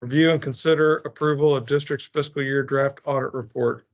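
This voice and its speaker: A man chairing a public board meeting, speaking procedurally and haltingly as he works through formal business. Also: mid-range voice, fairly even intonation. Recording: muffled, band-limited meeting recording.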